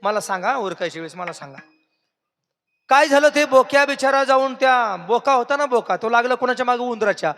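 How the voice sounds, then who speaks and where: High, bright-voiced preacher. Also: male voice, expressive, brisk. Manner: questioning the audience, singsong. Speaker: kirtan preacher. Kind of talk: devotional sermon with call-and-response. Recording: echoey hall reverb.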